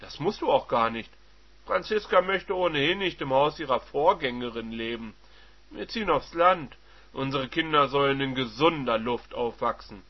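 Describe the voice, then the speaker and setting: A man voicing a callous, contemptuous manager husband who sneers and provokes loudly, on a dull lo-fi recording. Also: high-pitched, a little slow, pitched above the performer's own voice. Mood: sneering.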